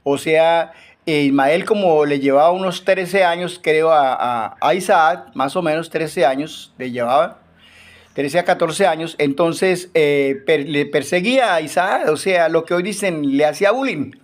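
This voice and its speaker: A man preaching a Bible lesson, retelling the stories with emotion and pausing often with fillers. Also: fairly high pitch. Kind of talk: Bible teaching.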